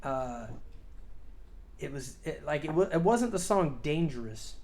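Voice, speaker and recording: A man's voice: fairly high pitch, expressive, a little slow, a little mellow. A man in his forties co-hosting a casual podcast, rambling with lots of fillers, swearing freely and laughing often. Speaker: podcast co-host.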